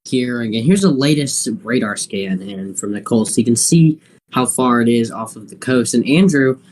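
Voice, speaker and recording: A man with a mid-pitched voice hosts live weather coverage. He speaks off the cuff and haltingly, often circling back over the same phrases as he thinks aloud. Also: a little mellow, low-quality recording. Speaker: live weather stream host. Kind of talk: unscripted live weather commentary.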